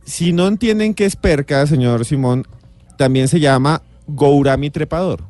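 A man, co-hosting a radio show and telling stories in a playful, animated way. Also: on the high side, normal speed, dry recording, soft background music. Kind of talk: casual radio banter.

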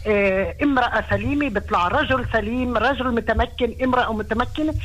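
A woman's voice: on the high side, quick pace, poor audio. A woman with a Palestinian Arabic accent giving her opinions as a caller to a live talk show.

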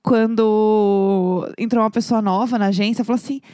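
A woman from São Paulo with a Paulista accent, co-hosting a podcast in casual chat, quick with reactions and exclamations. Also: mid-range voice, fairly even intonation, dark tone, smooth, no echo, clean studio sound. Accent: Paulista Brazilian Portuguese. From São Paulo, Brazil. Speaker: podcast co-host.

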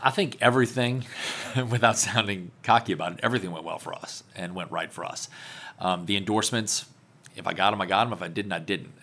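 A man's voice: low voice, brisk, pushed and bright. A man, a parish councilman answering interview questions in a confident, plainspoken way. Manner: confident, plainspoken, laughs easily.

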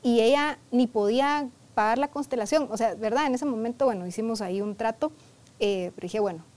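A woman's voice: on the high side, fairly quick, darkish tone. Conversational woman therapist telling a case. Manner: conversational, peppered with "¿verdad?" and "o sea"; re-enacts dialogue from sessions. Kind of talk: storytelling in a conversational interview.

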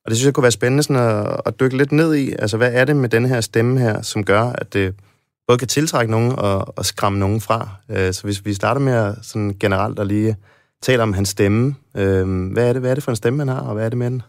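A man's voice: on the low side, fairly even intonation, dry recording, clean studio sound. A man hosting a music talk show, reading a scripted introduction and then chatting with enthusiasm as a fan. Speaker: radio host. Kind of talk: scripted introduction and casual interview.

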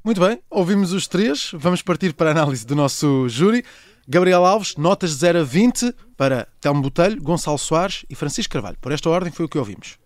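A man's voice: on the high side, lively intonation, brisk, no room sound. A man with a European Portuguese accent presenting a contest show as its host.

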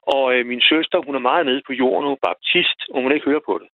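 A man calling in to a radio show, telling a personal story in a halting way, repeating words as he goes. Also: medium pitch, fairly even intonation, no echo. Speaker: radio caller. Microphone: telephone. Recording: tinny phone line, dry.

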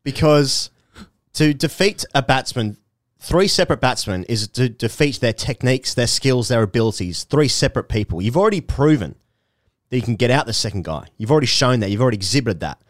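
A man's voice: medium pitch, animated, brisk, no room sound. Wry man, dry studio sound. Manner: wry, argues his case with repetition. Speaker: podcast co-host. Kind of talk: casual chat.

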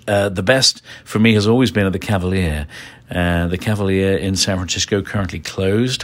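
A man's voice: low voice, a bit bright. A man from London with an English accent, casually running through a list of recommendations, with frequent filler uhs. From England. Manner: rambling, many filler uhs.

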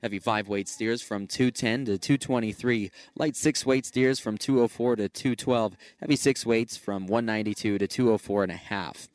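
A man's voice: on the low side, moderate pace, few pauses, darkish tone, no echo. An American man reads a scripted radio farm report with news and market prices as a broadcast reporter. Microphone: close studio broadcast microphone.

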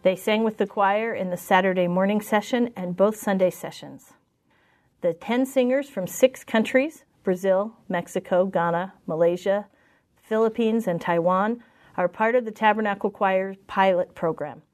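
A woman hosting a podcast interview. She reads her introduction cleanly from a script, then asks a table of guests plain questions in an easy voice. Her pitch sits in the middle range. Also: moderate pace, darkish tone. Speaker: podcast host and news editor. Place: around a table with a group of guests.

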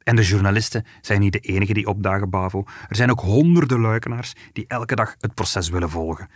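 A journalist co-hosting a podcast tells the story of a past case in an explanatory, storytelling way, with some restarts. His voice is on the low side and a little fast, with slight background noise.

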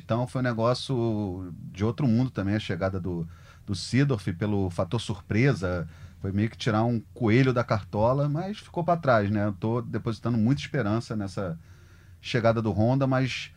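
A man talking football in an animated, emphatic, colloquial way as a sports journalist. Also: mid-range voice. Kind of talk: casual sports discussion.

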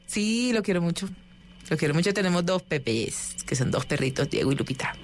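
A woman's voice: lowish voice, fairly quick, slight background noise. Woman guest, chatty, plays out quoted lines. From Colombian Caribbean coast. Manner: animated, acts out quoted voices. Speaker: interview guest. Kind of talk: casual storytelling interview.

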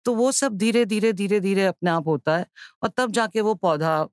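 A woman with an Indian accent answering reflectively in an interview, explaining in short phrases with pauses and repetitions and switching between Hindi and English. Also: medium pitch, dry recording, studio quality. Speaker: interview guest, stage and screen actor-director.

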